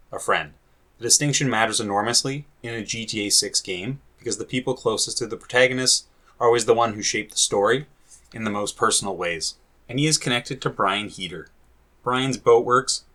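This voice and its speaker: A man narrates a scripted video essay with a bright, forward tone. His delivery is deliberate and emphatic, and he leans on key words as he builds his points. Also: fairly low pitch. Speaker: gaming video host.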